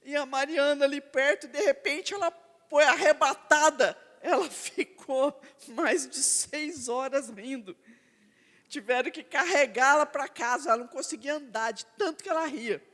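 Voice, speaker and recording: High-voiced woman pastor preaching. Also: normal speed, long reverb tail. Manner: lively storytelling, laughs while telling stories. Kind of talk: sermon. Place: church.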